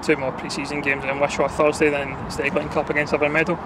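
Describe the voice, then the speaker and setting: A man interviewing a football manager for club TV, asking brisk questions. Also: on the high side, flat delivery. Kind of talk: post-match interview questions. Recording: outdoor noise with passing traffic.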